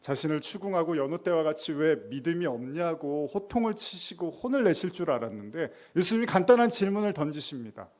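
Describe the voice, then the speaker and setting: A man's voice: a little high, lively intonation, brisk, hardly any pauses, a little mellow. A middle-aged man, a pastor, gives a sermon in a conversational style, acting out bits of dialogue and often laughing.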